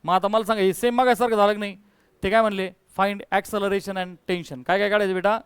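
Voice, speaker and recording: A man teaching physics to a class, coaxing his students to answer louder and quizzing them step by step. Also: sits high, fairly even intonation, rapid-fire, smooth, dry recording, studio quality. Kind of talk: classroom lecture.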